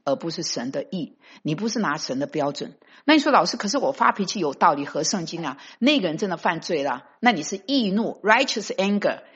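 A woman's voice: lowish voice, a bit bright, husky. A woman preaching a sermon with emphasis, dropping English phrases into her talk. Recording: dull lo-fi recording.

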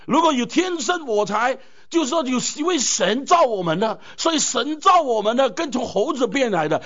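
A man preaching a sermon as a pastor, animated and full of rhetorical questions to the congregation. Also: very high voice. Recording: dull lo-fi recording.

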